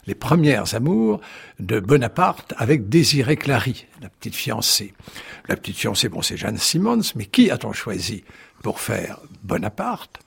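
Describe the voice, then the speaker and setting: Gravelly, very husky male historian. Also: medium pitch. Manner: animated storyteller, wry asides and restarts. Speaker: historian guest. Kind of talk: radio interview, explaining at length.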